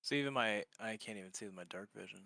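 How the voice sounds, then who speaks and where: A man's voice: lowish voice, quick pace, creaky, pushed and bright, no echo. A man playing a tabletop game, joking, laughing and swearing casually. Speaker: player.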